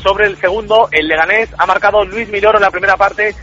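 A man giving a brisk radio report of a finished football match. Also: sits high, fairly even intonation, pushed and bright. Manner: brisk, clear result summary. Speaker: field reporter. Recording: dull lo-fi broadcast audio.

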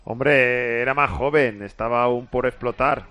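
Male ex-player pundit, mid-pitched, relaxed recollections. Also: a little slow. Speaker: former footballer pundit. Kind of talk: studio banter.

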